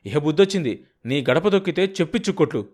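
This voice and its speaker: An indignant, sharp-tongued brother-in-law in an audiobook, as a male narrator acts him out. His voice is raised and harsh, with scorn in every line. He sounds quick to anger and slow to forgive. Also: fairly high pitch, animated, voice pushed up. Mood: scornful.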